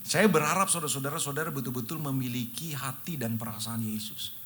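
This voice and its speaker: Bright-voiced, emotional male pastor. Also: medium pitch, fairly quick, slight background noise. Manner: emotional, animated storytelling; repeatedly addresses listeners as brothers and sisters. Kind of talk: sermon.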